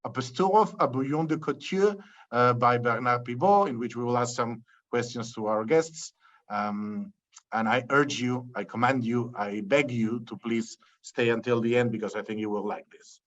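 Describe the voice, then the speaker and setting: A man's medium-pitched voice comes through lo-fi sound at a normal pace as he hosts an interview podcast in Peru. He explains the format, runs through a list of topics, and questions his guest with frequent restarts.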